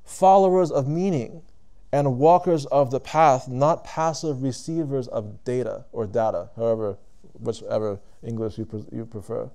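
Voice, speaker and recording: Male lecturer, somewhat high voice, relaxed talk-style religious lecture, asks the room questions, rephrases as he goes. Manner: conversational, poses questions to listeners; deliberate, stops to rephrase. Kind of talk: reflective Islamic lecture to a live audience.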